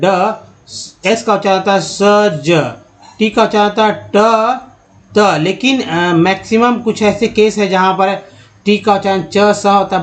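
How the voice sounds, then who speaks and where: A man with a high voice gives a relaxed spoken lesson on letters and sounds. He explains step by step, pausing and filling gaps as he goes, and calls his viewers friends. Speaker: English teacher.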